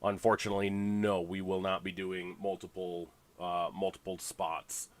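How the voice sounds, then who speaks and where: Male league host, congested, low-pitched, loose rambling livestream chat with fillers. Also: little pitch movement, measured pace. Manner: rambling, full of fillers and restarts.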